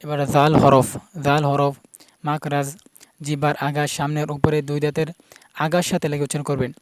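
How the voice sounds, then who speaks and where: A man teaches pronunciation, repeating each sound slowly and patiently. His voice is smooth and a little high, with little rise and fall. The recording is close and dry. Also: level tone, no echo. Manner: patient, repeats each Arabic letter sound many times. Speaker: Quran recitation teacher. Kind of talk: pronunciation lesson.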